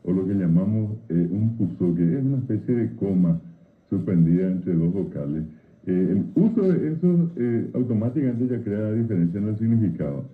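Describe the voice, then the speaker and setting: A man patiently explains similar-sounding words on a radio talk show, filling pauses with many "eh"s. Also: fairly low pitch, lively intonation, echoey room. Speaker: Guarani language expert guest. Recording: tinny phone-like radio audio.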